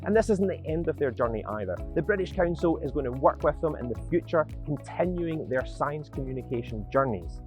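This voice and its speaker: A man's voice: a little high, lively intonation, a little fast, few pauses, a little mellow, faint music behind. Upbeat Scottish male host. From Scotland. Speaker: host of a science communication competition. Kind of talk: scripted presenting to camera.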